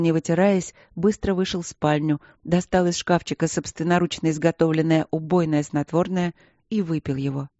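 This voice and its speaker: Male audiobook narrator, steady storyteller, slightly high voice, dry close recording. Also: no echo, muffled recording. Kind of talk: scripted narration.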